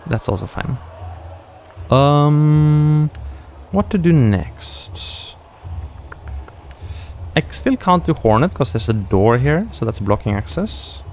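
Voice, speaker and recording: A man's voice: mid-range voice, darkish tone, a little hiss or hum. A man from Scandinavia thinking aloud and chatting casually as he plays a game, answering chat comments as he goes. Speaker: gaming streamer.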